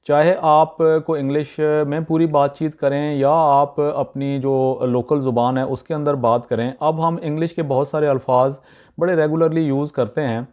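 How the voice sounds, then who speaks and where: Man, pronunciation lesson, mellow voice, slightly dull recording. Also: on the high side, flat delivery. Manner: repeats example words slowly, many "uh" pauses. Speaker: YouTube teacher.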